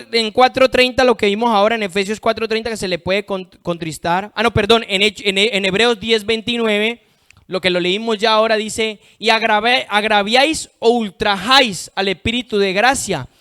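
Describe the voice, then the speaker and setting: High-voiced preacher with big swings. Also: male voice, fairly quick, clean tone. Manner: emphatic, swings from loud to hushed; reads scripture aloud. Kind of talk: sermon.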